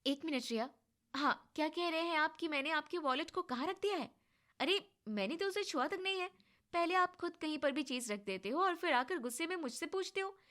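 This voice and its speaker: A woman voicing a shy, gentle young wife who speaks softly and hesitantly. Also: high voice, lively intonation, a little fast, pitched above the performer's own voice. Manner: soft, quiet and hesitant.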